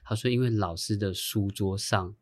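A man's voice: on the low side, moderate pace, no room sound. A man who works as a hairstylist tells a long story in a casual chat, acting out the voices of the people he quotes and laughing often. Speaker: guest.

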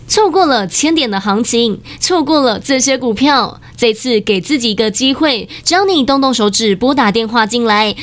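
A woman with a Taiwanese accent hosting in an infomercial style, pitching emphatically with gushing, repetitive salesmanship. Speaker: TV show host and pitchwoman.

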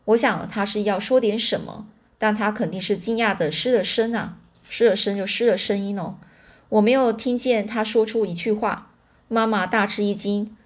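A woman reading a children's novel aloud in a chatty way, pausing to explain words and correcting herself. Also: mid-range voice. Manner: pauses to explain words to listeners; chatty fillers, self-corrections. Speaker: storyteller.

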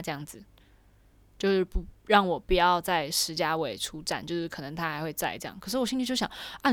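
A young woman casually telling a personal story, animated and chatty with lots of fillers. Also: on the low side, clear, resonant tone, no room sound. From Taiwan.

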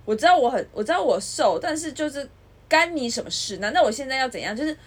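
A young woman, co-hosting a casual chat podcast and ranting with lively mimicry. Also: sits high, fast, breathy edge. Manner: animated ranting, mimics others. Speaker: podcast co-host.

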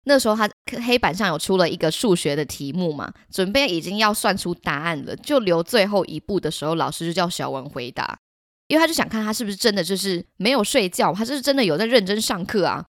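A young woman tells a story on her podcast. Her voice is animated, and her pitch swings widely. She is recorded close and dry on a podcast mic. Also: fast, dry recording. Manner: animated, laughing often. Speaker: podcast host. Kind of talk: casual storytelling.

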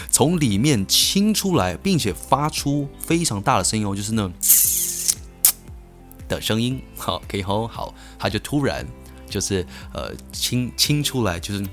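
A young man from Taiwan, hosting a podcast and telling a story in an animated way, full of restarts and self-answered asides. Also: low-pitched. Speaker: podcast host.

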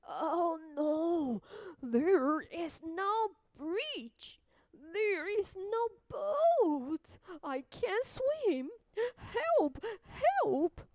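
A woman voicing a small, boastful gingerbread man who taunts in high squeaky shouts. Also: big pitch swings, very slow, no echo, clean studio sound, exaggerated voice. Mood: panicked.

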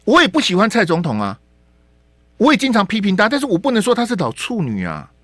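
一位带台湾口音的男电台主持人，语气激动地评论时事，常连声反问、重复字句。. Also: male voice, sits high, huge pitch swings, fast, fairly bright tone, no echo. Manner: heated, rhetorical questions, repeats words. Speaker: radio talk show host. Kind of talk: opinionated political commentary. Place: radio studio.

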